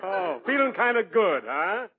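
A blustery, dim but cheerful 1930s beat cop in a radio comedy. The voice is very high and swoops about. It comes through a tinny old recording. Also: male voice, very animated, a little slow, very noisy. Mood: amiable, slow-witted.

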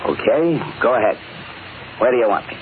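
A man's voice: medium pitch, very animated, a little fast, natural voice. A man playing a blunt, suspicious, slangy tough-guy crook in an old-time radio drama. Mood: relaxed, approving. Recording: tinny, noisy old radio recording.

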